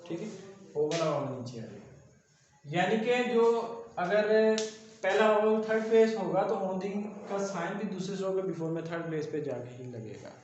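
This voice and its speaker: A man teaching a shorthand class, slowly spelling out syllables and repeating each step. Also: high-pitched, expressive, a little mellow. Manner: slow, repetitive, spells out syllables. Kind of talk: classroom lesson explaining steps. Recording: very echoey, dull lo-fi sound, faint noise.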